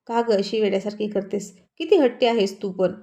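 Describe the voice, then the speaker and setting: A woman's voice: medium pitch, brisk, gravelly, warm tone, close to an everyday voice. A woman voicing a firm but caring grown son in a storybook reading, coaxing and stern by turns.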